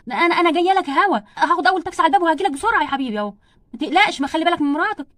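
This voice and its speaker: Brief: woman doing fretting mum doll, Egyptian accent, high rapid patter. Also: a bit bright, dry recording, studio quality. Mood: flustered. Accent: Egyptian Arabic. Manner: flustered, piling up pious exclamations. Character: fretting motherly grandmother doll.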